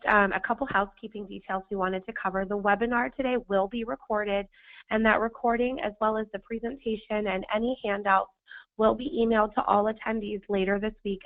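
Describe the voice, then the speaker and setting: A woman hosts a webinar with a hoarse smoker's rasp and plenty of gravel in her voice. She reads a prepared presentation, and the sound is thin, like a phone line. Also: medium pitch. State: hoarse, sandpaper-rough voice. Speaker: webinar host. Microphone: phone or webinar audio connection.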